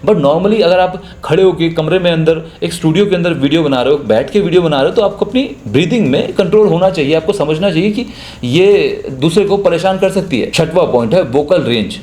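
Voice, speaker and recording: A man's voice: fairly high pitch, animated, a little fast, darkish tone, roomy sound. A young man with a Hindi accent, teaching voiceover in a casual, chatty spoken tutorial. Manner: chatty, explains with spoken examples.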